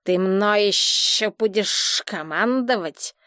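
A woman voicing a tipsy, capricious young woman who talks in a slow, slurred and whiny way, recorded dry and close. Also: medium pitch, vocal fry, no room sound. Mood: angry.

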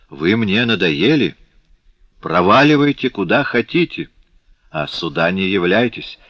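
A ragged young street girl, fearless and scornful, taunts armed men, read by a man with a very low voice. The sound is dull and dry, like an old lo-fi audiobook. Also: a bit bright, no room sound, exaggerated voice.

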